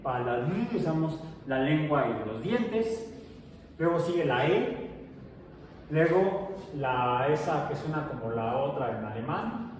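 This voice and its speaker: Chatty Mexican teacher in echoey classroom. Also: male voice, fairly high pitch, expressive, slow pace. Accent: Mexican Spanish. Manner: chatty, digressive storytelling. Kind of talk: classroom lecture with anecdotes. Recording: roomy echo, distant mic, faint noise.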